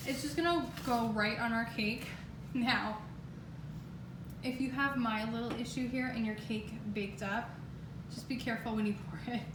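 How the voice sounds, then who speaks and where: Her voice is fairly high with fairly even intonation at a moderate pace as she hosts a home baking show, demonstrating cooking in a kitchen in a casual, chatty, exclamatory style. The sound is roomy and distant, with clear background noise.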